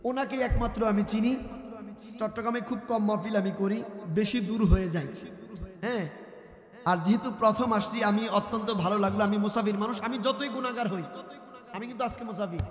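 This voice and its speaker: A man preaching a waz sermon to a large gathering, talking to the crowd and slipping into slow chanted song. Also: high voice, roomy sound, long reverb tail. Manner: chanted sermon delivery, breaks into sung English ghazal.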